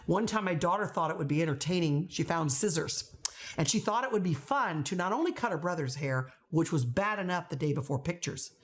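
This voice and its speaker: A woman's voice: lowish voice, animated, fairly quick. A woman in her fifties, a veteran teacher, giving classroom advice straight to camera, emphatic and repeating words for stress. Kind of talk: direct-to-camera teaching talk.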